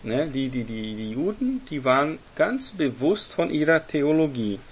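A man's voice: fairly high pitch, very animated, unhurried, husky. A man teaching a Bible study group, explaining step by step and often checking in with his listeners.

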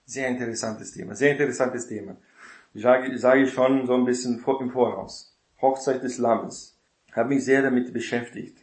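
Man, bible teacher, casual lecture, chatty, mid pitch, echoey room. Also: steady tone, normal speed, a little mellow. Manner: chatty, often adds tag question "ne?".

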